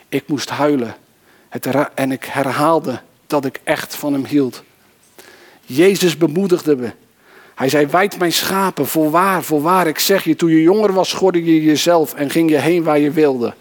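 A man voicing a remorseful apostle confessing in first person, in a dramatic monologue within a sermon. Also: a little high. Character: remorseful male apostle, adult, once impetuous.

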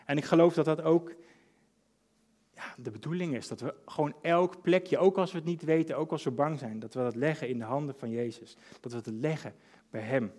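Earnest preacher, fairly high voice. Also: male voice, a little fast. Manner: earnest, shifts between hushed intimacy and emphatic urging. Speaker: pastor. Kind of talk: sermon.

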